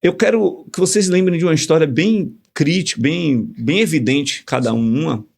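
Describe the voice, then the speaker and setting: A man explaining ideas in a casual podcast conversation, animated and teacherly, full of examples. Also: on the high side, normal speed, gravelly. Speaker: communication guest.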